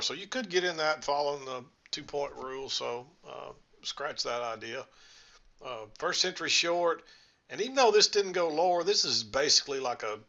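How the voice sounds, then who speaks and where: A trading instructor reviews charts in a screen-share walkthrough, rambling in a folksy way as he thinks out loud. His medium-pitched voice is pushed and bright, a little scratchy, and the recording sounds muffled.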